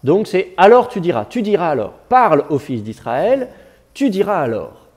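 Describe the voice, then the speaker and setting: A man's voice: sits high, big pitch swings, moderate pace, a little mellow. A man teaching a classroom lesson, explaining patiently with frequent fillers and restarts.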